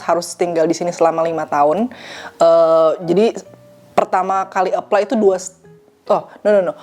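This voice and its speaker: A woman's voice: fairly low pitch, darkish tone. A young woman from Indonesia answering viewer questions in a casual vlog, chatty and dropping in English phrases. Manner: chatty, mixes English phrases into her talk.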